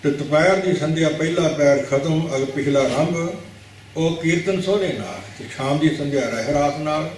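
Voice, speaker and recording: A man's voice: fairly high pitch, moderate pace, a little mellow, a little hiss or hum. Man preaching in a very echoey hall. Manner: didactic, repeats words to correct pronunciation; rhetorical questions to the audience. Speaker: Sikh preacher giving katha. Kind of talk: religious discourse explaining scripture. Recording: very echoey hall, mic at a distance.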